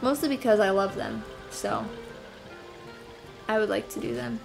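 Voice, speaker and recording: A young woman gives casual gameplay commentary from her apartment, rambling to herself amid frequent sighs and fillers. Her medium-pitched voice swings hugely in pitch at an unhurried pace, and the recording is low quality, with game music clear behind her.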